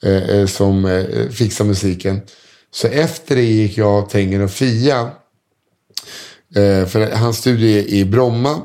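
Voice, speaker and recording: A man's voice: on the low side, dark tone. Man, podcast host telling stories, rambling and full of fillers. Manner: rambling, lots of hesitation fillers and restarts. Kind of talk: casual storytelling chat.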